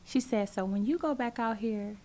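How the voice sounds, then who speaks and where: This community organizer in her forties has a warm, somewhat high voice and talks at a moderate pace. As an interview guest in relaxed conversation, she tells stories with earnest emphasis, circling back to repeat phrases so they land.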